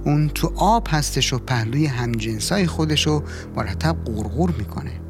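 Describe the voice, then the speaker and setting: A man's voice: medium pitch, lively intonation, music in the background, natural voice. A man voicing a spoiled, dismissive young princess in a storybook reading, with his voice slightly raised.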